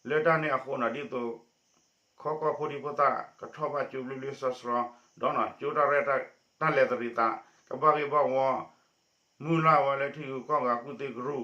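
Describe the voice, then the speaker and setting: Bright-voiced male news presenter, echoey. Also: medium pitch, steady tone, a little fast. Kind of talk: news report. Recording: echoey dull lo-fi recording.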